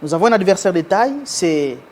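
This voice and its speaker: A man from Congo, a guest in a televised interview, speaking in formal, measured phrases and often repeating himself. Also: high voice, animated. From Congo (DRC).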